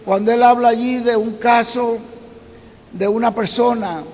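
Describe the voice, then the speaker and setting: A man with a Venezuelan accent preaching a storytelling sermon, acting out the people in his stories and shouting the big moments. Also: extremely high pitch, fairly even intonation, measured pace. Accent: Venezuelan Spanish. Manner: retells stories, acting out the voices and shouting the climaxes. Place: church meeting hall. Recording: echoey hall with faint ambience.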